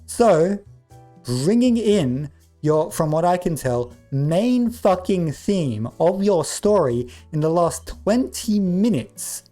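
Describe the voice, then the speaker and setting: A man's voice: high voice, sing-song, slow pace, dark tone, soft background music. A man giving comedic review commentary, sarcastic and exasperated, swearing often. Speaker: movie reviewer.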